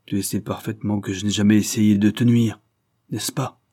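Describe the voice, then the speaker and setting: A man's voice: on the low side, level tone, normal speed, warm tone, husky, no room sound, clean studio sound. A man voicing a determined American deputy sheriff in an audiobook, talking in a commanding, insistent way. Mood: coaxing.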